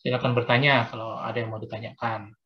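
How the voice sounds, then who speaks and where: A man's voice: mid-range voice, little pitch movement, fast talker. A man teaching religion, explaining a practical exam to his students in a casual, patient way with frequent fillers, over a video call. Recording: dull lo-fi video call audio.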